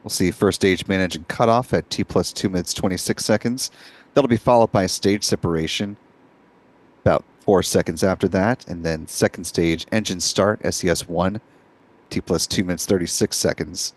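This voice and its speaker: A man's voice: sits low, moderate pace. A man hosting a live stream, giving informative, orderly explanatory commentary.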